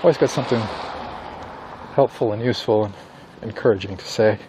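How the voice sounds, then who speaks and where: Casting: middle-aged man, soft dark tone, casual thinking-aloud delivery, walking outside with light ambient noise. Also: on the low side, a little fast, rough recording. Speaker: writer recording an audio journal. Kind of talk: casual solo monologue while walking outdoors. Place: outdoors in falling snow, on a walk.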